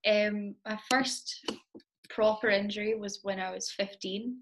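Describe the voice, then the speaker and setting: A woman's voice: medium pitch, steady tone, measured pace, a little hiss or hum. A young woman answering interview questions about her dancing in a chatty, self-deprecating way, with plenty of ums. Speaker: interview guest, competitive Highland dancer.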